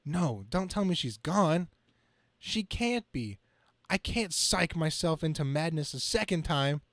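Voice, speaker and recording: Man playing Spider-Man, highish-voiced and quippy. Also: animated, measured pace, fairly bright tone, no room sound. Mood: anguished. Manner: quippy, dramatic self-narration. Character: wisecracking young male superhero, a college student. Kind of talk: comic book dramatic reading.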